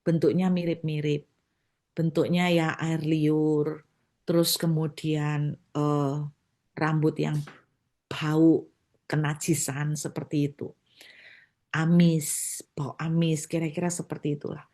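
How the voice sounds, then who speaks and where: A woman pastor from Surabaya, telling a story in her sermon with lively acted-out voices. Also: deep voice, takes it slowly, pauses often. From Surabaya, Indonesia. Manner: animated, acts out voices.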